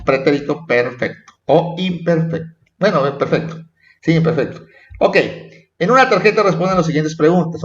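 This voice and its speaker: A man's voice: on the high side, fairly bright tone. A man teaching a children's class, repeating himself and checking in with the kids. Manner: repetitive, checking in with "¿sí?" and "¿eh?". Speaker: primary school teacher. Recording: echoey dull lo-fi room recording.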